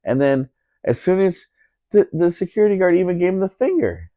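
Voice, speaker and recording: A man's voice: high voice, big pitch swings, fairly quick, warm tone, no room sound. A man telling a story in a casual podcast chat, indignant, repeating himself with lots of fillers.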